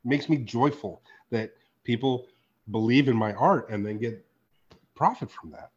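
On a laid-back podcast, a slightly husky-voiced man who hosts the show and works as a card artist talks animatedly and curses freely. He swings between loud outbursts and low, mumbled asides. The audio is a bit dull and lo-fi.

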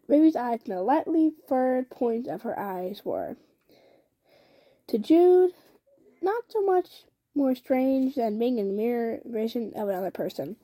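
A woman's voice: fairly high pitch, warm tone. Young woman reading a novel aloud. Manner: reads with frequent slips and restarts. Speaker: reader. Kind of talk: casual storybook reading.

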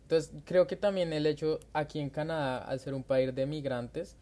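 Guy with a warm dark voice explaining things calmly on a podcast. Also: a little high, normal speed. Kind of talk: casual podcast chat.

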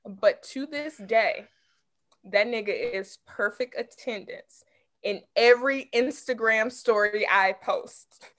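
A woman's voice: on the high side, takes it slowly, a bit bright. A woman who is a podcast guest, frankly telling a personal story in casual chat.

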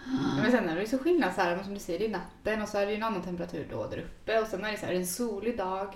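Animated woman podcast host, distant and echoey. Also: medium pitch. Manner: animated storyteller, laughs often. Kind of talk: casual chat. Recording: echoey room, off-mic.

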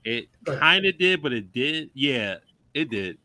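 A man's voice: mid-range voice, very animated, a little slow, bright, forceful tone. A man hosting a casual group discussion, blunt and opinionated, with swearing in his talk. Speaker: discussion host.

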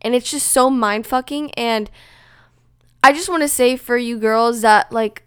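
A young adult woman with a high-pitched Valley Girl voice, chatting casually as a solo podcast host and peppering her talk with filler words. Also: a little slow, clean tone, dry recording, studio quality.

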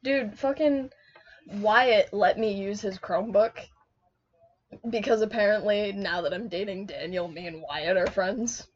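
A woman's voice: mid-range voice, measured pace. A teenage girl co-hosting a casual podcast, giggling often and swearing freely. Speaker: podcast co-host. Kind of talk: casual chat. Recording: dull lo-fi recording.

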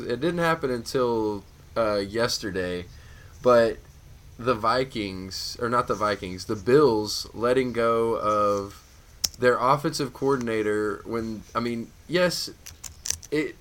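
A man's voice: mid-range voice, a bit bright, slight background noise. A man co-hosting a casual fantasy football podcast, talking in a laid-back, rambling way with many restarts. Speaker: podcast co-host.

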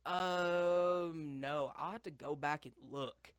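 A man's voice: fairly high pitch, fairly even intonation, slow, clean tone, dry recording. A young man co-hosting a casual podcast, rambling and swearing, laughing often as he tells stories. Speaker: podcast co-host. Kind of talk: casual chat.

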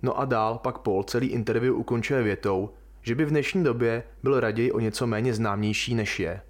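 A man hosting a podcast, talking through a subject alone in an informal, colloquial, musing way. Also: mid-range voice. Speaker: podcast host. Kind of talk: casual podcast monologue.

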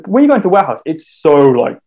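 A young man from England hosting a casual chat, telling stories in an animated way and laughing as he talks. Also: high-pitched, very fast, breathy edge. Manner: animated storytelling, laughs while talking. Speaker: podcast host.

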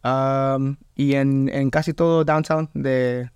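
A man's voice: mid-range voice, fairly even intonation, slow, a little mellow, smooth, dry recording. Guy guesting on a podcast, super laid back, kinda hesitant, mid voice, dry sound. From United States. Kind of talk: casual interview chat.

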